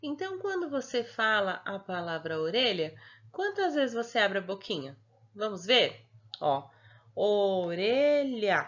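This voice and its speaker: A young woman teacher with a Brazilian Portuguese accent, slowly walking small children through their homework in a patient, sing-song way and often checking in with them. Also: mid-range voice, very animated, fairly bright tone. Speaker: primary school teacher. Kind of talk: remote lesson explaining homework to young children. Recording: dull lo-fi home recording.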